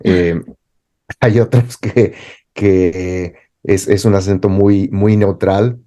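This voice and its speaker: A man speaking as a teacher and guest in an interview discussion, thoughtful and halting, with frequent restarts. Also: low-pitched, fairly even intonation, dark tone, dull audio.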